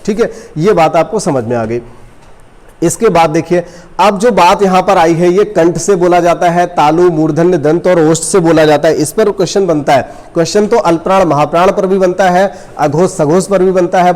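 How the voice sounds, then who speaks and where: A man teaching a coaching class, explaining step by step and slowly repeating sounds for students. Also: sits high, a little mellow. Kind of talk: classroom lecture. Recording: long reverb.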